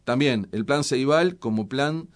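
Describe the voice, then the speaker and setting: A middle-aged scientist with a mid-range voice and a Uruguayan Spanish accent answers interview questions as a guest. He explains things in a measured way, hesitating often.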